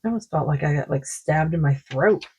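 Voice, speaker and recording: A woman doing a tarot card reading, talking in a slow, meandering way, her throat sore. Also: low-pitched, lively intonation, warm tone, breathy edge, rough recording. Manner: slow, meandering, full of likes and you-knows. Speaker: psychic card reader.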